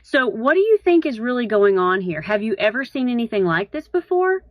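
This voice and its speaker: A woman's voice: a little high, big pitch swings, a little fast, no room sound. Woman doing scripted video narration, very dry, bit lo-fi.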